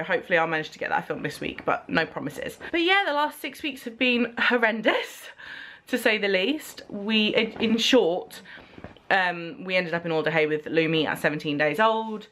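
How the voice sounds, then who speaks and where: A woman's voice: lowish voice, lively intonation, normal speed, fairly bright tone. A woman chats casually to camera as a vlogger and mother, chewing gum as she talks. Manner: talking while chewing gum; breaks off to coo at her baby. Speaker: vlogger and mother of a new baby. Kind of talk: casual vlog chat to camera.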